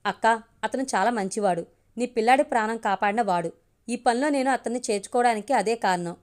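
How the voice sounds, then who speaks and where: A kind young employer speaking up earnestly for his driver, read by a woman. The voice sits a little high. It is a spoken storybook. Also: a little fast, close to an everyday voice.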